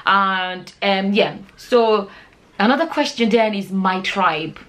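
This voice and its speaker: This forty-year-old woman from Nigeria speaks slowly in a mid-range, slightly bright voice. She hosts a chatty vlog where she answers viewer questions informally, frequently repeating words and phrases for emphasis.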